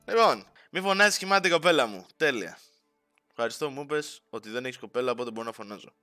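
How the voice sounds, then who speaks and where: Bright-toned young male streamer, casual. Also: medium pitch, expressive, faint music behind. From Greece. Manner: casual and teasing, mixing in English slang. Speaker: Twitch streamer. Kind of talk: casual livestream chat to viewers.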